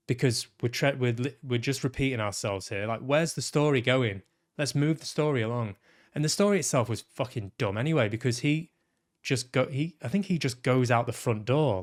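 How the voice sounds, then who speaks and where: A man talks loosely on his own podcast, frank and blunt, swearing freely as he picks a film apart. His voice sits at a middle pitch, and his talk is full of quick restarts. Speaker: podcast host. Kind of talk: casual monologue, film critique.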